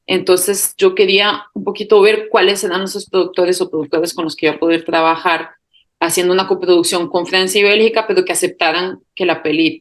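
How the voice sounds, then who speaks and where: Woman, Costa Rican accent, low voice; hesitant, restarts often, soft laughs between thoughts. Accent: Costa Rican Spanish. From Costa Rica. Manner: hesitant, thinks aloud with many fillers and restarts; laughs lightly while talking. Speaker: film director. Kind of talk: interview answers.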